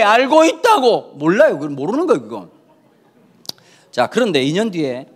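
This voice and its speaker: A middle-aged male pastor giving a sermon, telling the story with lively acted-out dialogue. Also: sits high. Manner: lively storytelling, acting out quoted characters in dialogue.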